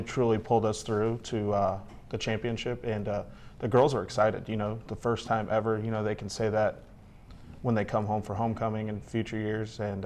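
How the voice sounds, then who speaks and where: A man speaking as an assistant coach at a press conference, in a rambling, monotone way. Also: on the low side.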